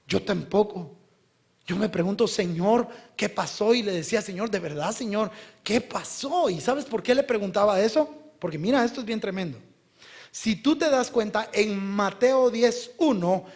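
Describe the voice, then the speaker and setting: A male pastor preaching a sermon, talking directly to the listener and swinging between loud bursts and hushed lines. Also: high-pitched.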